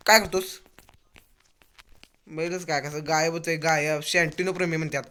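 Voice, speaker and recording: A man giving excitable, cursing commentary on his own mobile shooter gameplay, telling viewers to keep watching. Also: a little high, fairly quick, clear, resonant tone. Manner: excitable, cursing trash talk. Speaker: mobile game streamer.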